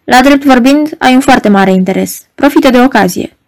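A woman's voice: sits high, a little mellow, lightly acted. A woman reading an audiobook, voicing a cold, mocking red-haired male stranger in a dry, curt, scornful manner. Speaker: audiobook reader. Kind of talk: audiobook narration.

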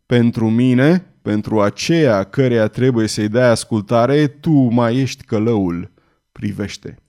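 A man voicing a stern hooded cardinal with a lowered, hoarse voice, harsh and commanding, in an audiobook reading. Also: close to an everyday voice. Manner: harsh, commanding, rising to loud outbursts. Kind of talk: audiobook character voice.

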